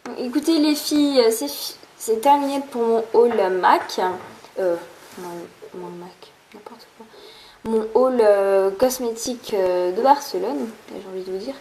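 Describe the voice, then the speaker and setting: A woman's voice: a little high, unhurried, dark tone, slight background noise, low-quality recording. Chatty young French-speaking woman vlogger. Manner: rambling, many fillers and restarts. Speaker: beauty vlogger. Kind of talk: casual haul vlog.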